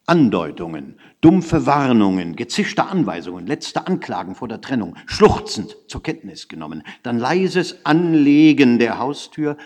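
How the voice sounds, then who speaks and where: A man narrating a literary story in the first person, measured, hushed and intent. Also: mid-range voice. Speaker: audiobook reader. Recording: long reverb.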